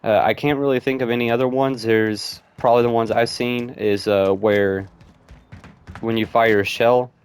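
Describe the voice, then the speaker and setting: A man's voice: mid-range voice, fairly even intonation, moderate pace, clean tone. A man giving casual, rambling gameplay commentary, thinking aloud with lots of fillers. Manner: rambling, loose, with frequent fillers like "and stuff".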